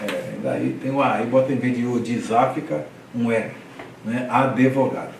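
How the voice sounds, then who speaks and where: A man's voice: mid-range voice, fairly even intonation, normal speed, creaky, noisy background. A man teaching a reading class, patiently spelling out syllables and asking students to repeat after him. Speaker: Hebrew teacher. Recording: roomy echo, distant mic, faint ambience.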